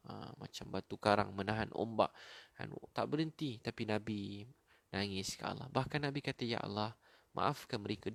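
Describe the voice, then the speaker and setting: Soft-spoken Malaysian man with a gravelly voice. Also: on the low side, no room sound. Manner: soft, gentle and consoling, often dropping to a near murmur. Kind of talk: live-streamed sermon reading viewer comments.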